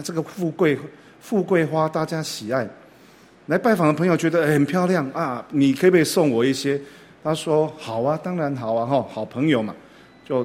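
A man preaching a sermon, telling a folksy story in a gentle way and often dropping short filler sounds between phrases. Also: on the high side. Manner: frequent filler particles like "ah" and "ha".

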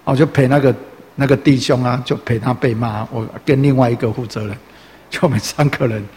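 Chatty preacher in a reverberant hall. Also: male voice, medium pitch, steady tone, a little fast, a little mellow. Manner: chatty, full of filler particles and rhetorical questions. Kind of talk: sermon. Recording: roomy hall reverb, faint noise.

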